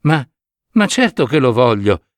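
A man voicing a gentle, timid young maiden in a storybook reading, hesitant and soft. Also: mid-range voice, very animated, unhurried, dry recording, studio quality.

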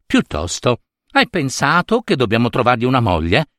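A man's voice: medium pitch, normal speed, dry recording, studio quality. A man voicing an eager, impulsive older mother snail in a storybook reading. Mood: coaxing. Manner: excited, wistful.

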